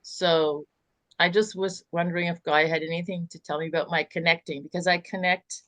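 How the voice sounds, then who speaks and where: A woman's voice: fairly low pitch, steady tone, a little fast, fairly bright tone, no echo. A woman on a call who asks a rambling question in a hesitant way, stopping and restarting often. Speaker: caller.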